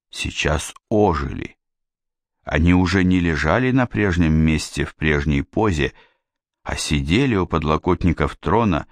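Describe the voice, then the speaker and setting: A man narrating a fantasy audiobook in a measured, steady storytelling manner, close to the mic. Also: a bass voice, dry recording.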